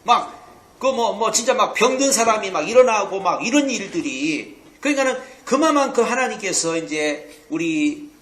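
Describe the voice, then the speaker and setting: A male pastor giving a sermon-style Bible lecture in a church hall, emphatic and animated, often asking his listeners "응?" and acting out quoted voices. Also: sits high, moderate pace. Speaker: pastor teaching a theology lecture. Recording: echoey room.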